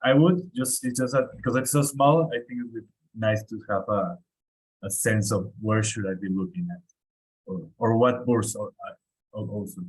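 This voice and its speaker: A man's voice: fairly low pitch, normal speed, breathy edge, rough recording. A man, a course participant, asking hesitant questions with many restarts on an online call. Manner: hesitant, repeats words, many fillers. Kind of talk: online office hours question. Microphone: video call.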